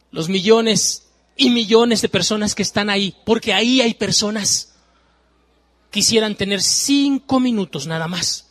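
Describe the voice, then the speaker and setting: A man preaching a sermon, emphatic, moving from hushed warnings to loud exclamations and repeating phrases. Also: high-pitched.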